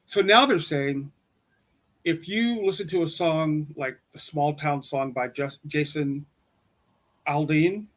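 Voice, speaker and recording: A man's voice: fairly high pitch, takes it slowly, a bit bright. A man co-hosting a podcast, jumping into the conversation with emphatic remarks in a casual chat. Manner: jumps in with emphatic interjections. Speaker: podcast co-host. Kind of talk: casual political discussion.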